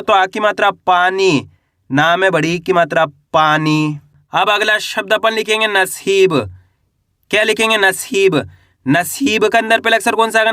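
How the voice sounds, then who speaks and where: A man teaching reading and writing, slowly sounding out syllables and asking his listeners questions. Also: high-pitched, pushed and bright, no room sound, clean studio sound. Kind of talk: Hindi reading and writing lesson.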